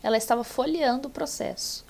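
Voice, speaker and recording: A middle-aged woman law lecturer telling a courtroom anecdote in a casual, animated way, acting out the people she quotes. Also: high voice, brisk, creaky. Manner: animated storytelling, acts out quoted voices.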